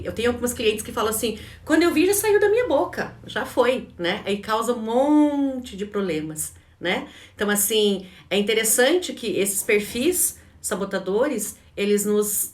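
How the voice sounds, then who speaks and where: Brazilian woman teaching in a roomy, distant recording. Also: medium pitch. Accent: Brazilian Portuguese. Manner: conversational, tags nearly every phrase with a questioning "né?"; frequent restarts and repeated words. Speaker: behavioral coach. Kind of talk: live online class, answering chat.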